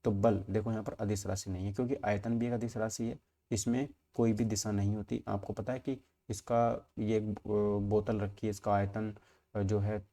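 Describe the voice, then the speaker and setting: This is an informal lesson on multiple-choice questions, led by a man whose voice is lowish and dark, with little pitch movement and a normal pace. He teaches exam preparation casually, explaining each step, checking in frequently, and going over points more than once.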